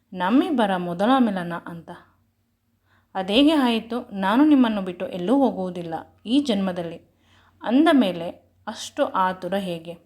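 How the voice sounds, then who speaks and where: A woman's voice: medium pitch, darkish tone, natural voice. A woman reading a shy, pleading young bride-to-be.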